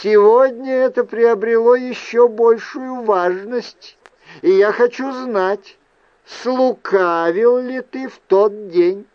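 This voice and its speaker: A man reading an audiobook, voicing a wary aristocratic aunt who is a sorceress, with measured, pointed questions. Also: extremely high pitch, dry recording, dull audio, pitched above the performer's own voice. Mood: cool, probing. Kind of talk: audiobook character voice.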